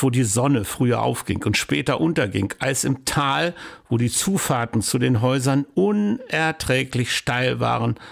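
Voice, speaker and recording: A man calmly reading a children's storybook aloud as narrator. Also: medium pitch, creaky.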